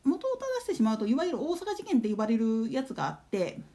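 A woman's voice: a little high, wildly swooping pitch, fast, warm tone. A woman hosting a casual solo talk show, chatting and putting rhetorical questions to her listeners. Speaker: solo radio talk host.

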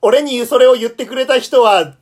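A man's voice: extremely high pitch, normal speed. A chatty man talking casually as a podcast co-host. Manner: chatty, self-confessed talker. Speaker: podcast co-host, theatre troupe member. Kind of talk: casual banter.

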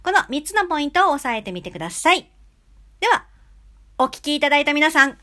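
A woman with a fairly high, very animated voice hosts a casual solo audio lesson on recording. She speaks close to an angled microphone, playing with pace, pitch and volume to show each point. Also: quick pace. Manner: lively, demonstrative, plays with speed, pitch and loudness. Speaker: podcast host giving recording tips. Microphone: close mic about ten centimeters away, angled.

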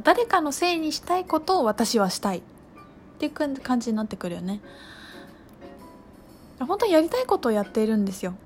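A woman, casually talking through her feelings in an animated, expressive way. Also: a little high. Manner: animated, acts out her own outbursts and shouts. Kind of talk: casual spiritual monologue.

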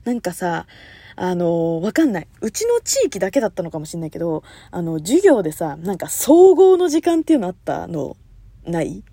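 A young woman hosting a casual solo talk show, chatty and animated, with lots of fillers and frequent laughs. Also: fairly low pitch, normal speed, slightly rough, no echo. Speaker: podcast host.

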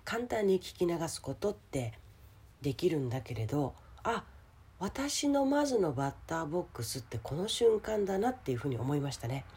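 Hoarse, raspy low-voiced woman. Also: big pitch swings, moderate pace. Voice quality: hoarse, gravelly, rough voice. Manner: addresses the listener directly with questions and soft sentence-ending particles. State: hoarse today. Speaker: solo radio talk host. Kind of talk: casual motivational monologue to the listener.

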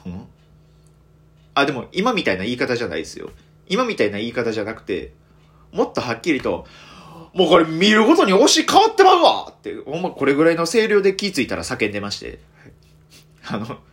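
Speaking in a mid-range voice, a Kansai-accented male comedian runs a relaxed solo podcast. He tells stories excitably and pokes fun at himself.

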